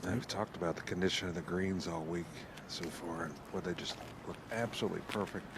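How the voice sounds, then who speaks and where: A man's voice: low voice, steady tone, fairly quick. A man doing live golf commentary, explaining and analysing as he goes. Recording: clear outdoor background noise.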